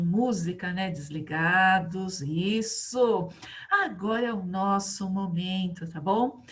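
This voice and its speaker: A Brazilian woman teaching a recorded online class to children, with an affectionate, lively manner and lots of rhetorical questions. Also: mid-range voice. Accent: Brazilian Portuguese. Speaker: school teacher.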